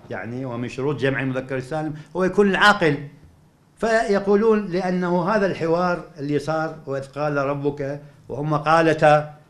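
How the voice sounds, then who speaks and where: A male university professor with an Iraqi Arabic accent giving a lecture. He explains step by step, often asking and answering his own questions, and recites verses slowly. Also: fairly high pitch. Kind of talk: academic lecture at a cultural evening.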